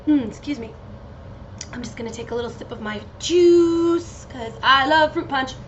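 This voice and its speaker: A woman's voice: sits high, moderate pace. An American woman hosting a solo podcast in a casual, rambling, sweary chat, giggly and scattered as if slightly loopy on painkillers. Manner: giggly, scattered, easily losing her train of thought. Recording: muffled lo-fi home recording with noticeable noise.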